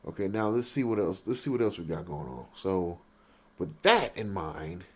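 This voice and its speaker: A man giving casual, rambling commentary on a TV episode, halting and restarting his sentences and getting excited at big moments. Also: low voice, slightly rough. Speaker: reaction video host.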